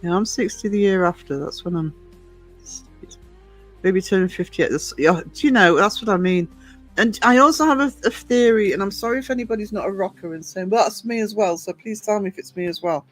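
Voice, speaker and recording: A woman's voice: medium pitch, a little fast, faint music behind. A woman in her fifties chatting casually with viewers on a livestream, rambling and chuckling often. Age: 50s. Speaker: livestream host.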